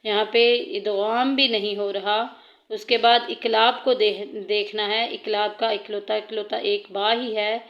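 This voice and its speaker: A woman teaching tajweed, patiently explaining each rule step by step between slow recited verses. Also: mid-range voice, level tone, muffled recording.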